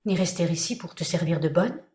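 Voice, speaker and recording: A woman reading aloud voices a brooding man with a clipped, cutting, hushed delivery. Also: fairly low pitch, fairly quick, natural voice. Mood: curt. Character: brooding man, curt and bitter. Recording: roomy echoing room.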